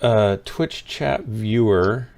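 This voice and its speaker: Low-voiced man hosting a game stream. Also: extremely slow, gravelly, a little mellow. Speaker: streamer and host. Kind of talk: casual live game stream chat.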